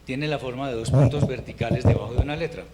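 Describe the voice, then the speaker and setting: A man teaches Hebrew reading rules in an unhurried, patient way, stopping to restart his sentences. His voice sits in a middle pitch range. A faint background hiss runs under the recording. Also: mellow. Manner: patient, explains step by step with pauses and restarts. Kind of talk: informal language lesson.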